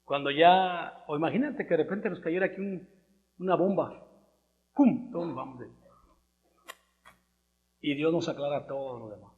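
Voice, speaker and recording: A man's voice: on the high side, normal speed, long pauses, narrow, tinny audio. A man with a southern Mexican Spanish accent, preaching a sermon in a conversational, rambling way, repeating his words. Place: church hall. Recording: long reverb in a church hall, through a loudspeaker.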